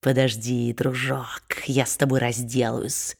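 A spiteful old-fashioned storybook dwarf, growling low and gloating over everyone around him, voiced by a woman. He bullies in one breath and coos with fake sweetness in the next. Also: lively intonation, unhurried. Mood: mock-sweet. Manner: sneering, bullying, mock-sweet.

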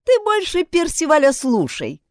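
A sceptical housemaid, put on by a woman narrator who weighs the gossip critically. The voice swings widely and sits fairly high. Close, dry sound. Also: huge pitch swings, moderate pace, darkish tone, no room sound. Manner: critical, reasoning.

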